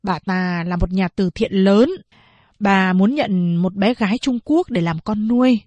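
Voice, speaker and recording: A woman doing a brisk, cold young interpreter. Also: mid-range voice, darkish tone, no echo, close to an everyday voice. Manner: brisk, businesslike.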